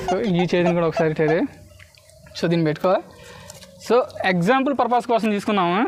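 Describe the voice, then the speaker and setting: A man with a Telugu accent doing loud, bantering street magic patter for spectators, dropping in English words. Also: sits high, animated, fast talker. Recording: clearly noisy on-location recording.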